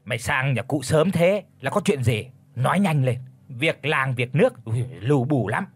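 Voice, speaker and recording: A man's voice: medium pitch, animated, measured pace, husky. A man voicing a bossy old village chief who barks curses and orders, stammering when frightened.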